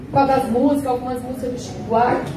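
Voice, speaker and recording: A woman in her sixties speaks candidly and with feeling, her voice set high. She is picked up from a distance in a strongly echoing hall, with clear noise behind her. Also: fairly even intonation, quick pace. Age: 60s. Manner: emotional, candid, tearful at times. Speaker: union founder speaking at a meeting. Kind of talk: emotional personal testimony. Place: meeting hall. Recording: echoey hall, voice from far off, noisy.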